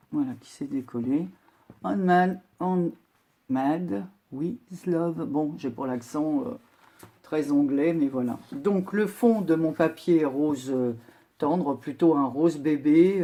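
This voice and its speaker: Older lady showing her craft work on a home video, warm mellow voice, chatty and unhurried. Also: low voice. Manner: unhurried, chatty, with many filler pauses. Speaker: crafting vlogger. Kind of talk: casual show-and-tell craft video.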